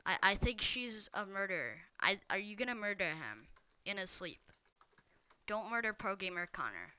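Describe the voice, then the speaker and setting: A woman's voice: medium pitch, big pitch swings, normal speed, pushed and bright, clean tone, muffled recording. A young woman live-streaming a game, chatting casually and teasing viewers as she reads their messages. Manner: teasing, talks straight to viewers reading chat. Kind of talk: casual live-stream chat while gaming.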